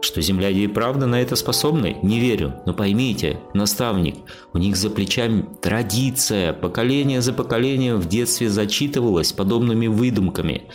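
A man's voice: lowish voice, expressive, fairly quick, few pauses, soft background music, voice pushed up, natural voice. A man voicing a stubborn, bookish Martian man who argues earnestly and lectures his accuser.

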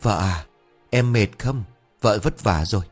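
A man's voice: on the low side, a little slow, slightly rough, soft background music. A man voicing a flustered, scatterbrained young husband who rambles and blusters. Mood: blustering.

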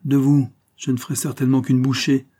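A man's voice: medium pitch, flat delivery, fairly quick, warm tone, slightly rough, pitched above the performer's own voice, close to an everyday voice. A male audiobook reader voicing a proud, hungry young sailor with an earnest, defensive manner. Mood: defiant.

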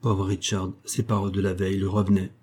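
A man reads a novel aloud in measured, theatrical narration. His voice is low and mellow, with a husky grain to it. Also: little pitch movement. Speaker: audiobook narrator. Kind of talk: scripted narration.

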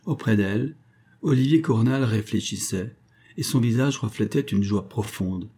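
Low husky male audiobook narrator. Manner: steady, measured reading. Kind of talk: scripted narration.

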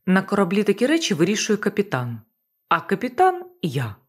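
A woman's voice: mid-range voice, huge pitch swings, fairly quick, husky, pitched above the performer's own voice. A woman voicing a scornful male boat captain. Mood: defiant.

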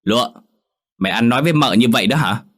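Một người đàn ông lồng giọng cậu chủ trẻ nhà giàu, quát nạt, ra lệnh gắt. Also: male voice, medium pitch, lively intonation, fast, husky, pitched above the performer's own voice. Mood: stern. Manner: sharp, commanding. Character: young master, philandering rich son.

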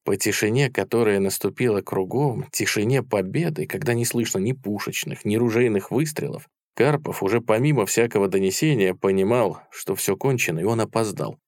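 A man reading a war novel aloud in steady, measured narration. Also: fairly low pitch, no echo, clean studio sound. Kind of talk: audiobook narration.

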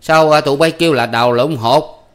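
A man's voice: a little high, brisk, pitched above the performer's own voice, lightly acted. A man voicing an old male theatre troupe manager who is jovial and commanding, with a theatrical, declaiming way of talking. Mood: scolding. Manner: theatrical, bellowing stage declamation.

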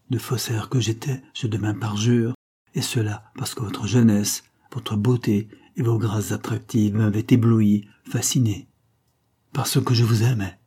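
Guy reading guilt-ridden nobleman begging forgiveness, low warm husky voice. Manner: pleading and remorseful. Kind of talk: audiobook character reading.

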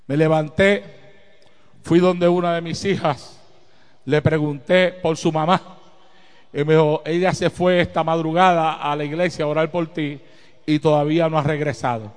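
A middle-aged man preaching a sermon as pastor, telling a testimony slowly and rising to shouts. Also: a little high, fairly even intonation. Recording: long reverb of a hall.

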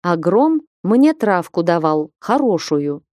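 A woman's voice: fairly low pitch, very animated, dark tone, no room sound, clean studio sound. Woman voicing an old grumbling village witch. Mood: staid. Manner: slow, staid and grumbling.

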